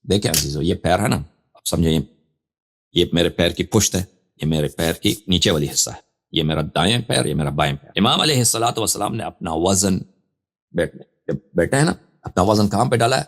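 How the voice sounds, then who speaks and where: Deep-voiced man teaching a religious lesson. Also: animated. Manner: explains step by step, asking and answering his own questions; reads Arabic slowly, then explains it in Urdu. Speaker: religious scholar teaching on prayer. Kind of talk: religious lesson with Arabic recitation. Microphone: studio mic on a live web show.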